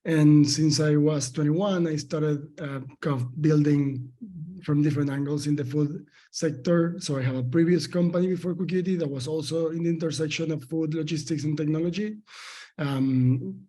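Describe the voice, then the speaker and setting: A man's voice: fairly high pitch, steady tone, normal speed, warm tone. A man from Argentina with an Argentine Spanish accent, a company founder answering interview questions thoughtfully, with many fillers and restarts.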